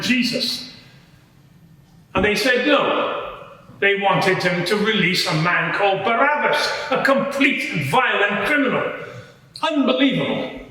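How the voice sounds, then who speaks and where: Playing a no-nonsense Roman soldier, a man testifies earnestly and with disapproval at a dramatised inquiry in a large public courtroom with a live audience. He uses a full character voice, high, bright and forceful, explaining in a measured, slightly hesitant manner. Sound echoes heavily around the hall.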